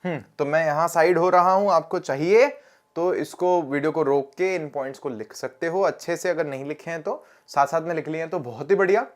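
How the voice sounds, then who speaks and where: A man's voice: a little high, a little fast. A man teaching a science lesson on video in a chatty way, often putting questions to his students. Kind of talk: classroom lecture video.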